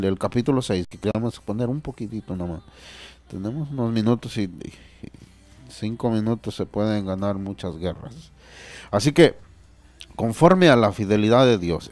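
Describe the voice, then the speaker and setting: A man's voice: on the low side, a little mellow, no echo. A man preaching a sermon and reading scripture aloud, earnest and repeating phrases for emphasis.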